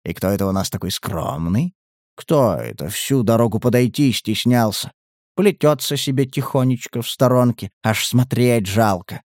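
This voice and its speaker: Brief: a man playing a taunting, menacing hunter, low voice, dry close read. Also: normal speed, mellow, no room sound, close to an everyday voice. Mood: sly menace. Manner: sneering, taunting. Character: menacing cruel male hunter, mocking interrogator.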